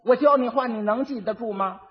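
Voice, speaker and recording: A man's voice: very high-pitched, a little fast, breathy edge. A man voicing a clever, scolding young bride. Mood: instructing. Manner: scolding, instructive. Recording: dull old archive recording with long reverb.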